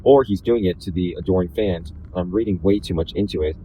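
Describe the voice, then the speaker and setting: A man reading a first-person novel aloud in a deliberately flat, slightly robotic delivery. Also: low voice, slight background noise, low-quality recording. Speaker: reader.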